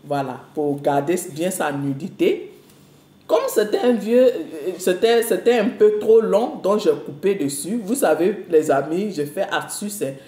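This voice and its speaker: Woman preacher, animated testimony, lively pitch, mellow tone, echoey room. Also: measured pace. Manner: animated, repetitive, storytelling with exclamations. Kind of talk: testimony to a congregation.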